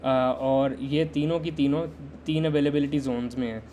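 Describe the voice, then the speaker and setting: Man, tech instructor, live stream lesson, flat even delivery, quizzes the chat, faint background hiss. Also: fairly high pitch, normal speed. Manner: conversational, quizzes viewers and waits for chat answers.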